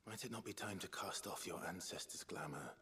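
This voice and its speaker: A man playing a kindly, weary warrior in a video game, whispering in a hushed, breathy voice as over a sleeping baby. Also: low voice, a little fast, roomy sound. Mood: hushed, gentle. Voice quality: gravelly, breathy. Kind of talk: video game dramatic acting. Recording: loud game music underneath.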